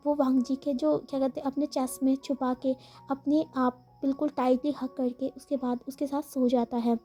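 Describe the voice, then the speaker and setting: A woman's voice: high-pitched, mellow. A woman casually narrating a fan fiction story, rambling with lots of fillers and English words mixed in. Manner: rambling, frequent fillers, mixes English words into her speech. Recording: faint music behind the voice.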